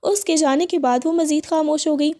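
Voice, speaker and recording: A woman reading a romance novel aloud, narrating in a steady, even storytelling manner. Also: sits high. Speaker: novel reader.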